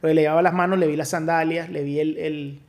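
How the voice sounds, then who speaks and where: High-voiced pastor telling a testimony. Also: male voice, steady tone, fast, darkish tone. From Nicaragua. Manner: earnest storytelling, many restarts. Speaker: pastor, podcast guest. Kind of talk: testimony in casual conversation.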